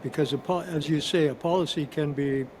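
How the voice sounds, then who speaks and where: Measured male host, slightly high voice. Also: darkish tone, slight background noise. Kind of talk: interview commentary.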